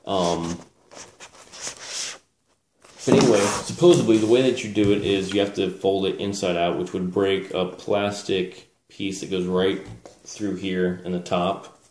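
A man with a low voice presents items in a casual, off-the-cuff way. He rambles a little and corrects himself as he goes. The small room adds echo, and there is light noise behind him. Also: fairly even intonation, unhurried, a little mellow. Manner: hesitant, rambling, self-correcting. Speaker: presenter reviewing collectible military gear. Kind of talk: casual unscripted show-and-tell. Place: small indoor room at a table. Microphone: camera mic, speaker off screen. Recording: roomy echo with background hiss.

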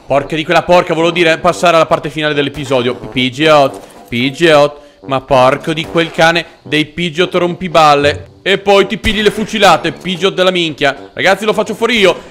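A man hosting a let's play, giving excitable gameplay commentary, swearing a lot and chatting with the creatures on screen. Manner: jumps into squeaky cooing over cute creatures. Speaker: gaming channel host.

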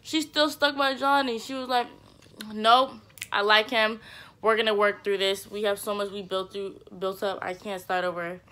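Young woman rambling about reality tv couples, bright sharp voice, lots of slang, chatty and animated. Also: medium pitch. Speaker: vlogger. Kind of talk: casual reality-TV gossip chat.

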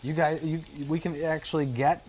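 A man's voice: fairly high pitch, steady tone, normal speed, darkish tone, a little hiss or hum, rough recording. A man hosting a morning TV cooking segment, bantering with his co-host and the guest. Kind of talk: chatty TV banter. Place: TV studio kitchen set.

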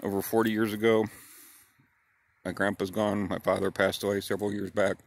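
Man, 50s, deep low voice, pipe in mouth, casual storytelling, dry understatement. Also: level tone, a little fast, creaky.

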